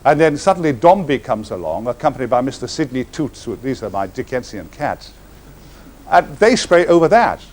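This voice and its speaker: Before a live audience, this stage actor spins a story in grand, ornate language. He times his comic pauses carefully and lets his pitch swoop and leap suddenly as he goes.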